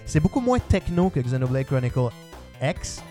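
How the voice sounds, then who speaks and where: A man's voice: medium pitch, very animated, normal speed, mellow, faint music behind. A man with a Quebec French accent, reviewing a video game in casual panel chat, enthusiastic and full of fillers.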